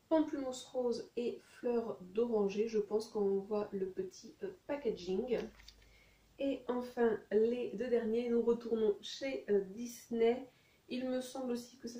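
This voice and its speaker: A woman's voice: on the high side, dark tone, reverberant, distant mic. A woman talking casually and hesitantly through a beauty haul, with many fillers. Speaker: beauty vlogger.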